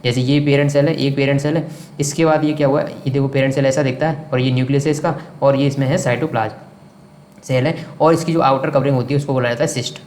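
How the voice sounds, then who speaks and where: Fast-talking man teaching in an echoey room. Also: mid-range voice, fairly even intonation, darkish tone. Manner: asks and answers own questions, repeats key terms. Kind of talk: classroom science lecture. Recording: echoey room with faint background noise.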